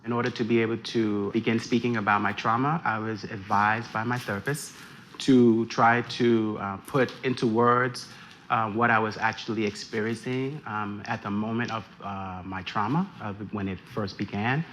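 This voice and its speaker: A man from New York speaking haltingly in a documentary interview, telling his story as a survivor and reading his own poem, with many pauses and fillers. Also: lowish voice, fairly even intonation, fairly bright tone, a little hiss or hum.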